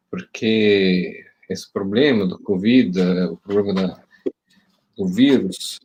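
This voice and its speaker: A middle-aged Italian man, a guest professor, gives a hesitant academic talk in Italian-accented Portuguese over a video call, full of fillers and restarts. His voice is medium-pitched with a breathy edge.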